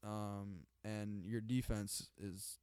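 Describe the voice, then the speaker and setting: A man's voice: on the low side, little pitch movement, slow pace, a little mellow, clear, resonant tone, no echo, clean studio sound. A young man from Michigan co-hosting a casual sports podcast, teasing and joking. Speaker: podcast co-host.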